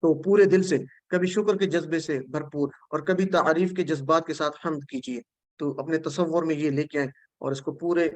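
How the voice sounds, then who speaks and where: A man's voice: on the high side, no room sound. A man with a Pakistani Urdu accent, teaching the meanings of Quran words, repeating each word patiently and often checking that his students follow. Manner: recites prayer phrases slowly.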